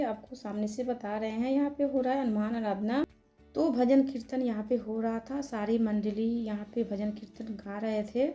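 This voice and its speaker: Woman vlogger, hoarse, Bihari Hindi accent, very dark mellow tone, slow gentle voice-over, faint music behind. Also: on the high side. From Bihar, India. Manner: speaks slowly and softly to spare her voice. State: hoarse, sore throat. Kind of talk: casual vlog voice-over.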